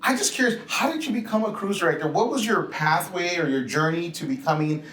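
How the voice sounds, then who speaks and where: A roomy, echoing recording carries a male channel host with a fairly high voice. He interviews casually and effusively, generous with his compliments. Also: expressive, a little fast, a bit bright, a little hiss or hum. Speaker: host of a cruise video channel. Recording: echoey, roomy sound.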